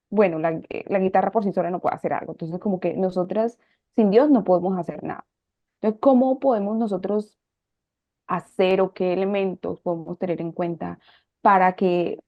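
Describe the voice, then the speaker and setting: A woman's voice: medium pitch, dry recording, dull audio. A woman hosting a faith podcast, framing questions in a thoughtful, searching way with many fillers. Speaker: podcast host. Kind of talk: faith-based podcast conversation.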